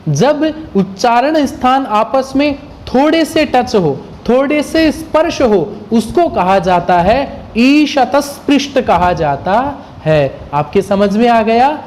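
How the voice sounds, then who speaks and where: Slow, patient man teaching a lesson. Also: very high-pitched, animated, a little mellow, a little hiss or hum. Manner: asks questions and answers them himself; sounds out letters one by one. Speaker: Sanskrit teacher. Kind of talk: classroom lecture.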